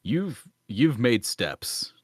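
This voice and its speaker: A man's voice: medium pitch, very animated, drawn-out words, breathy edge, no room sound, clean studio sound. A man narrating as game master of a tabletop role-playing game, rambling and restarting as he thinks aloud.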